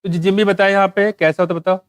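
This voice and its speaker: A man teaching a biology exam-prep lecture, asking questions and answering them himself, reading English textbook lines slowly. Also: sits high, steady tone, smooth, dry recording, studio quality.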